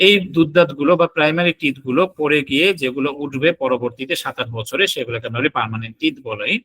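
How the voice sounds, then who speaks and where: A man with a Bangladeshi Bengali accent giving a classroom anatomy lecture, reading English terms slowly and then explaining them. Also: medium pitch, fairly bright tone, dry recording, rough recording. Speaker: homeopathy lecturer. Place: homeopathy clinic in Dhaka.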